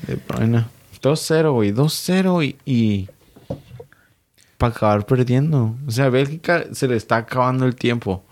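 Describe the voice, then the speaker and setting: A young adult man with a Mexican Spanish accent and an average-pitched voice. He talks soccer casually, full of slang, swearing and joking. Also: a little slow, a little mellow. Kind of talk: casual chat about soccer.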